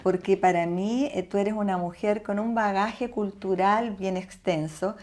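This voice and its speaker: A woman's voice: mid-range voice, steady tone, unhurried, darkish tone. A woman hosting an interview show, welcoming her guest and asking questions. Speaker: host and novelist.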